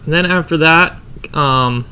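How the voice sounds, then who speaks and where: A man with a bright, forceful voice telling a story in loose, casual podcast chat. He swears freely and keeps things animated. His voice sits a bit higher than most men's. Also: measured pace, slight background noise.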